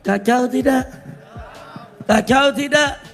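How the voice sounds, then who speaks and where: A man preaches a fiery rally sermon in a very high, gravelly voice, calling out to the crowd and asking the same question again and again. His voice rings with a long reverb from a public address system, and faint music plays behind him. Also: takes it slowly. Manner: calls out to the crowd, repeats rhetorical questions.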